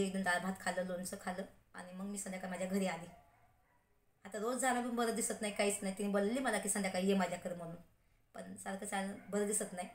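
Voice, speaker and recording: Emotional village woman vlogging. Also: medium pitch. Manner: emotional, rambling, addresses viewers directly. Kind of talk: casual personal vlog. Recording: roomy echo, faint background noise.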